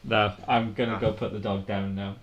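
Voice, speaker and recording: A man's voice: lowish voice, flat delivery, moderate pace, highs cut off, a little hiss or hum. A man from near Swansea with a South Welsh accent, chatting casually and joking dryly as a podcast panellist. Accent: South Welsh, Swansea area. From Wales, near Swansea. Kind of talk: casual chat.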